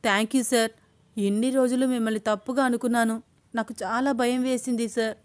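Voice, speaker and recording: A woman's voice: a little high, flat delivery, normal speed, lightly acted. A woman voicing a frightened young male student in a spoken storybook. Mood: relieved.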